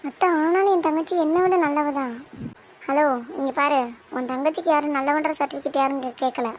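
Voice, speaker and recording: The high, clear voice of a young cartoon bride-to-be who stands up for her sister, voiced by a woman. She answers back sharply, with firm, cutting defiance and no fear of her elders. Faint noise sits behind her. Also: steady tone, fairly quick, lightly acted. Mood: defiant. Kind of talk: cartoon soap drama voice acting.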